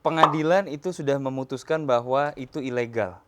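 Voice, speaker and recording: A man hosts a relaxed interview in a mid-range voice. He backs his guest with steady short affirmations and moves freely between Indonesian and English phrases. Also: medium pitch, brisk, very noisy. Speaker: host. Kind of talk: casual interview.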